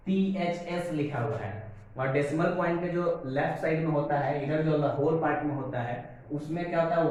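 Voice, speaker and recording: A man's voice: on the high side, darkish tone. A man teaching maths, mixing English terms into his Hindi and repeating key words back to the class as questions. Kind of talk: classroom lesson explaining on a board. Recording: very echoey room.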